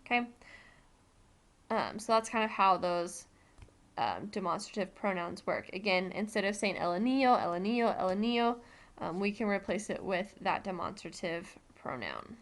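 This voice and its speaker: A woman's voice: mid-range voice, lively intonation, normal speed. An American woman Spanish teacher giving a recorded classroom lesson, explaining patiently step by step with frequent ums.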